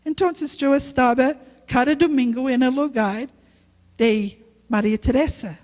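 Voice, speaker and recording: Woman preacher, slow halting sermon in a church with long reverb. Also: fairly high pitch, darkish tone. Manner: halting non-native Spanish, slow and earnest. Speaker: guest preacher, youth pastor. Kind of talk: sermon with personal testimony.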